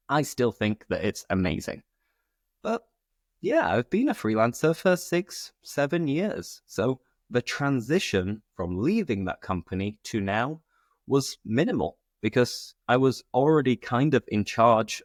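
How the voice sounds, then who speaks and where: A British man hosting a conversational solo podcast, explaining things informally in clear phrases like a teacher. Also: on the low side, no echo, studio quality. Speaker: podcast host and English teacher.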